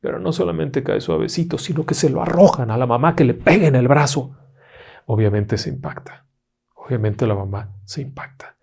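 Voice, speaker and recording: A man narrating ghost stories dramatically, dropping to a hush in tense moments. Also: fairly high pitch, a little fast, vocal fry, slightly rough. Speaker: storyteller host.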